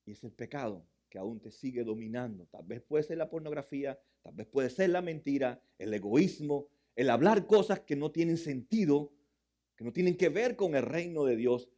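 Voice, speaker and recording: A man preaching a sermon as pastor, impassioned, repeating phrases for emphasis and swinging between loud, high passages and quiet, low ones. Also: lively intonation, normal speed.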